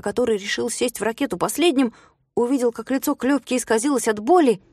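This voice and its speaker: A woman's voice: a little high, no echo, clean studio sound. A woman narrating a children's story aloud, reading expressively and voicing the characters. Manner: expressive, shouts character lines. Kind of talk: storybook reading with acted dialogue.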